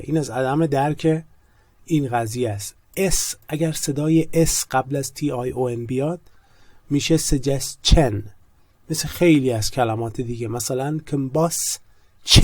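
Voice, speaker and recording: A man whose first language is Persian teaches English grammar. He explains quickly, then slows down to read example sentences carefully. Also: mid-range voice, darkish tone, no echo. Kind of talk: explanatory lesson.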